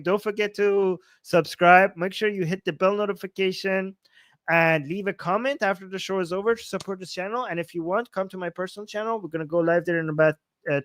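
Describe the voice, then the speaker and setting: A livestream host in his forties reads viewer comments aloud and reacts with playful, chuckling remarks, often repeating himself. His voice is high-pitched with a fairly bright tone, recorded cleanly in a studio without echo.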